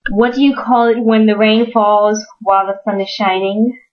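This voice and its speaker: A woman's voice: medium pitch, level tone, normal speed, lo-fi sound. A young woman from Georgia, with a slight Southern accent, chatting casually to camera in an enthusiastic way, often repeating words. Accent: Georgia, US South, with slight northern tinge. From Georgia, USA. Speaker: vlogger doing an accent tag.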